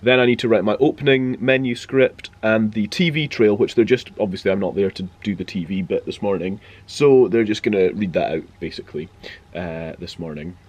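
A man in his twenties, a radio presenter, chats casually to a handheld vlog camera, dropping wry, understated asides. His voice is a little fast, darkish and slightly rough. The camera audio is noisy, with a background rumble.

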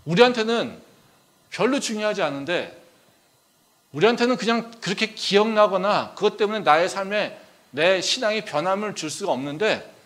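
A man preaching a sermon as pastor, talking in a conversational way and acting out dialogue, swinging between loud pleas and quiet asides, often dropping in a short filler. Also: high-pitched, animated, moderate pace. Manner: frequent filler "ye".

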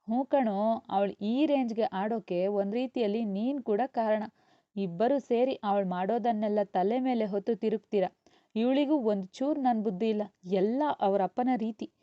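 Woman voicing a sharp, scolding young mother. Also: normal speed, no room sound, lightly acted. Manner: scolding, loud and high. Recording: dull, dry lo-fi recording.

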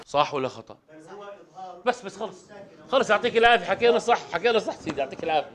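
A man teaching a Quran recitation class, asking the students quick questions in a conversational way. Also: sits high, expressive, fairly bright tone.

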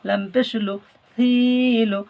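A man teaching Quran reading, spelling out syllables slowly and repeating each word, then explaining the rules more quickly. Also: extremely high pitch, steady tone, gravelly, lo-fi sound. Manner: explains rules quickly and softly between drills. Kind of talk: slow drilled recitation lesson, spelling out syllables.

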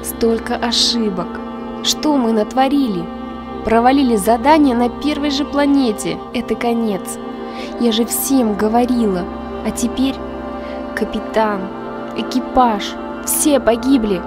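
Lady acting a reproachful space crew woman, dramatic and emotional, highish voice over loud music. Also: normal speed, natural voice. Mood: despairing.

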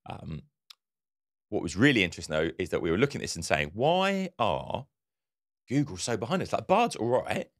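Deep-voiced man chatting on a podcast. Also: fast talker. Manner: animated storyteller, acts out quotes. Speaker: podcast co-host. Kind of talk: casual conversational podcast chat.

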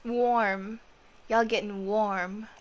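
A woman's voice: mid-range voice, steady tone, extremely slow. A woman in her twenties with a youthful, girlish voice, chatting casually with viewers on a live gaming stream and swearing freely. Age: 20s. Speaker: livestreamer.

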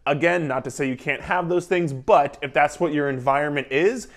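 Thirties guy coaching on camera, lively and emphatic, bit higher pitched, lapel mic at home. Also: moderate pace. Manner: energetic, emphatic, gestures a lot while talking. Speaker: nutrition coach. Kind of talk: casual instructional talk to camera. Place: living room indoors, beside a whiteboard.

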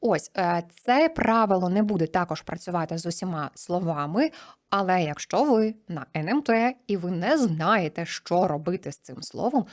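Lower-voiced woman teaching stress rules. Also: expressive. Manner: clear, slows down to stress example words. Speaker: Ukrainian language teacher. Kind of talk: exam-prep video lesson.

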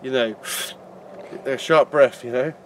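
A man's voice: medium pitch, steady tone, a little slow, slight background noise. A man chatting casually as a vlog companion, rambling and repeating words, picked up outdoors by a handheld camera. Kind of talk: casual chat. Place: outdoors in woods and open field at night. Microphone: camera mic, handheld.

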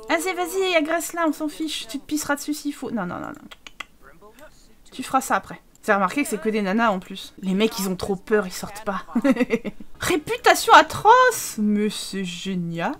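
A woman giving casual let's-play commentary, excitable, laughing often and talking to her game characters. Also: on the high side. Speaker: gaming YouTuber.

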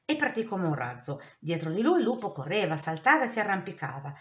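A woman teacher reading a children's storybook aloud with expressive, dramatic storytelling. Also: lowish voice, a little fast. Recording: echoey room.

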